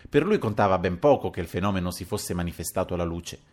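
A man reading a literary audiobook aloud in an expressive, dramatic storytelling manner. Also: sits low, fast. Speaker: audiobook reader.

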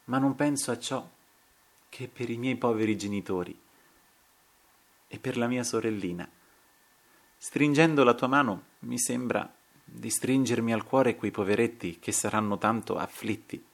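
A man's voice: mid-range voice, moderate pace, creaky. A man voicing a feverish young painter who talks in a bitter, agitated way. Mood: tender, resigned. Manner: strange bitter laughter, excited.

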